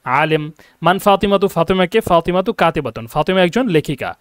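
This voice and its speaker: A young man teaching an online Arabic class, explaining slowly and often checking that students understand. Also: sits high, expressive, no echo, studio quality. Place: lives and teaches from abroad.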